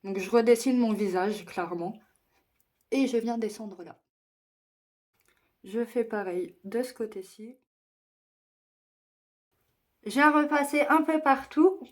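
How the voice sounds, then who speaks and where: She speaks slowly in a fairly high voice, leaving long pauses. A young beauty vlogger, she narrates each step of her makeup tutorial and jokes about herself.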